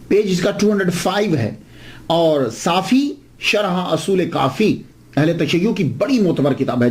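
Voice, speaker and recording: A man's voice: a little high, a little mellow. A man giving a religious lecture, explaining terms and asking and answering his own rhetorical questions. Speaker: Islamic preacher.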